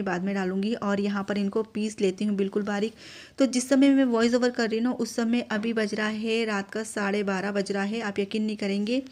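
Woman doing a voice-over for her home cooking vlog, pretty flat, talks you through each step. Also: medium pitch. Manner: flat, homely, explaining step by step. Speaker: vlogger. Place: home at night, recorded separately as voice-over.

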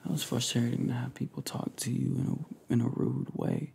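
A young man in casual, confiding pillow talk, telling a story in a soft murmur that drifts into a whisper. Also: medium pitch, little pitch movement, a little fast, gravelly, breathy edge. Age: young adult. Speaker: ASMR creator. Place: living room couch, indoors.

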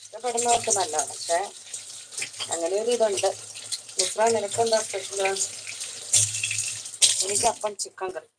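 A woman's voice: mid-range voice, moderate pace, pauses often, very noisy. A woman hosting a casual live stream from her kitchen, chatting and greeting viewers by name as she reads their comments. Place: home kitchen.

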